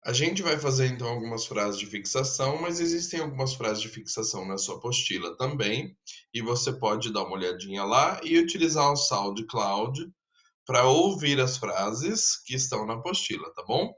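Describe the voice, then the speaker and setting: A man's voice: mid-range voice, lively intonation, a bit bright. A man from Brazil teaching an English grammar lesson, explaining patiently and checking in with his students often. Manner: slow, patient explaining with frequent "tá?" check-ins. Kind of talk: recorded online lesson.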